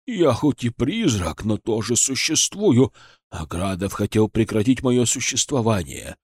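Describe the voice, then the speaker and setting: A man voicing the frightened ghost of an old official in an audiobook, talking in a higher, slow, pleading way. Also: big pitch swings, husky, dry recording, studio quality. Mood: secretive. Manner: pleading, drawn-out, fearful. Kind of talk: audiobook character voice.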